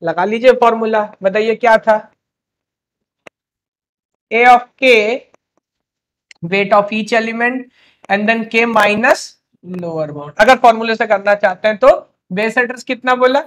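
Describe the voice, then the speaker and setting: Running a live lesson, a young teacher quizzes his students rapidly and teases them with mock scolding to keep their energy up. His voice sits high with a slightly bright quality.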